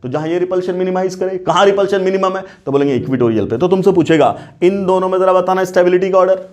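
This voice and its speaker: A man's voice: high voice, fast, darkish tone. A male chemistry teacher lecturing a class, often repeating questions and checking that students follow, calling them "beta". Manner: addresses students casually as beta.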